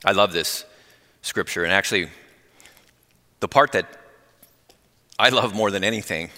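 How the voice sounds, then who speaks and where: A middle-aged man giving a conversational sermon with personal testimony, earnest and growing excited, speeding up when fired up. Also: lowish voice, a little slow. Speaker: lay preacher. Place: church. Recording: long reverb in a church hall.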